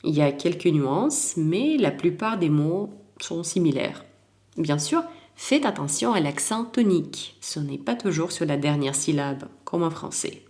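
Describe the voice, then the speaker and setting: A woman teaching a recorded language lesson, calm and clear, repeating words so learners can practise. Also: sits low, a little slow.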